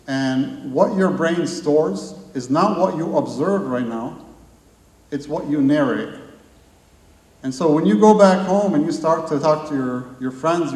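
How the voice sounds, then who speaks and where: A man's voice: fairly high pitch, a little mellow. A man giving a live conference talk to an audience, asking rhetorical questions and building long repeated lists. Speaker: conference speaker. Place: large hall. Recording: echoey hall from far off.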